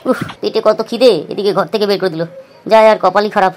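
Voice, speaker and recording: A woman's voice: medium pitch, fairly even intonation, fast talker, darkish tone, a little hiss or hum, lightly acted. A woman voicing a stern male village strongman in a cartoon, giving clipped, commanding orders. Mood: meek. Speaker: voice actor. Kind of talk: cartoon voice acting.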